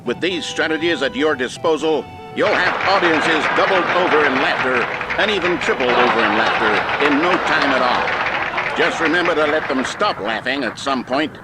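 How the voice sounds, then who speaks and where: Male actor as old instructional-film presenter, earnest, hearty, pompous, didactic, slightly high pitch, prominent music behind. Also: expressive, normal speed, a loud crowd, natural voice, poor audio. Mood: cheerfully instructive. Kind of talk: vintage instructional film narration.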